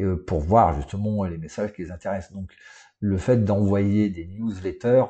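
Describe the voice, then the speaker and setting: A man's voice: low-pitched, mellow. A man giving an unscripted online lesson on coaching, talking casually with many fillers and tag questions. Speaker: school coaching trainer.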